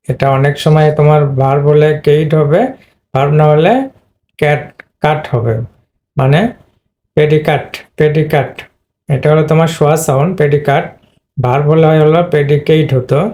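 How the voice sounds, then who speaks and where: Mellow-voiced man teaching pronunciation. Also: a little high, fairly even intonation, normal speed. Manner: repetitive, drills words over and over. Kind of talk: online lesson explaining word stress.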